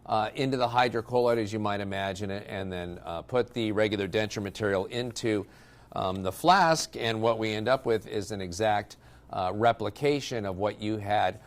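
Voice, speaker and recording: A middle-aged man, a dentist, walking through a hands-on demonstration in a relaxed, explanatory way with some fillers. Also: on the low side, normal speed. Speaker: dentist and dental lab presenter. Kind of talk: instructional demo talk.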